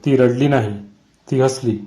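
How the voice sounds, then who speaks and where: A man voicing a grave, haunted old village man who speaks slowly in a lowered voice. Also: fairly even intonation, warm tone, close to an everyday voice.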